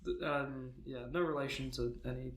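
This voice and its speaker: A young man co-hosting a podcast, joking deadpan in a rambling, casual way with plenty of filler words. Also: mid-range voice, moderate pace. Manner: rambling, deadpan jokes, frequent "um" and laughter. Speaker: podcast co-host. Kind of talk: casual comedic chat.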